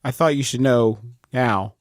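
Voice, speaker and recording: A man's voice: medium pitch, unhurried, no room sound, clean studio sound. A man playing his character in a tabletop game, flippant and joking. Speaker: player.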